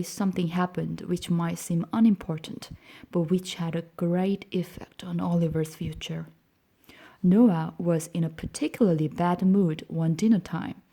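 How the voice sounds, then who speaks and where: Woman, audiobook narration, slow, mellow, gentle and measured. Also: lowish voice.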